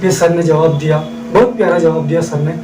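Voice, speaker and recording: A man's voice: fairly high pitch, a little fast. A man speaking as a motivational speaker, telling a personal story dramatically, with repeated rhetorical questions. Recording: roomy, distant, noisy recording.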